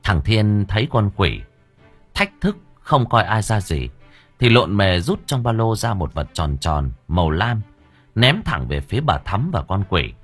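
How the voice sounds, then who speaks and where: Expressive husky male storyteller. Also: on the low side, a little slow, soft background music. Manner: vivid, expressive. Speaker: audiobook narrator. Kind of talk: storytelling narration.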